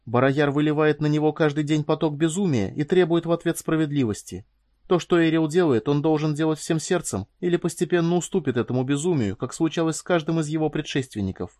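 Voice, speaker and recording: A man's voice: on the high side, brisk, darkish tone, dry recording, voice pushed up, lightly acted. A man reading an audiobook, voicing a frightened, emotional young woman who pleads and cries out. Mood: pleading.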